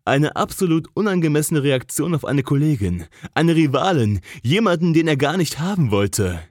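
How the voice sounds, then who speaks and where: A narrator reading a romance story aloud with emotive delivery and lingering pauses. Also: mid-range voice, sing-song, a little mellow, no room sound, clean studio sound. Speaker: audiobook narrator. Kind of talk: expressive romance audiobook narration.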